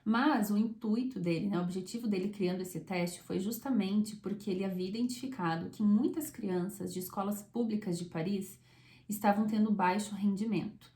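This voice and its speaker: A woman psychologist giving a conversational explanatory talk, often checking in with short tag questions and pausing to choose her words. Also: mid-range voice, dark tone. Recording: echoey room.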